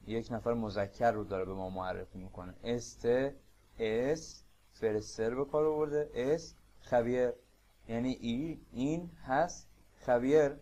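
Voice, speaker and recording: A Persian-accented man teaching a beginner language lesson, explaining patiently and repeating phrases slowly. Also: medium pitch, mellow, a little hiss or hum. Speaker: Spanish teacher.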